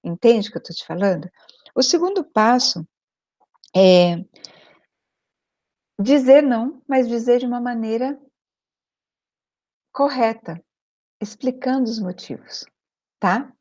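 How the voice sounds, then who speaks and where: Brief: middle-aged woman, parenting coach, fairly high voice, insistent and repetitive, dull lo-fi recording. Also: lively intonation, slow, pauses often, darkish tone. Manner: emphatic, repeats key points, checks in with the listener. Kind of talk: advice video monologue.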